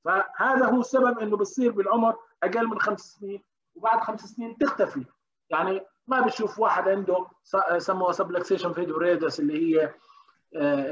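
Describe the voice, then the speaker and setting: A man delivers an interactive medical lecture in a high, quick voice. He throws questions to his students and stumbles through hesitations as he searches for terms. The recording is dull and lo-fi. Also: a bit bright. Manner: questions the class, frequent hesitations.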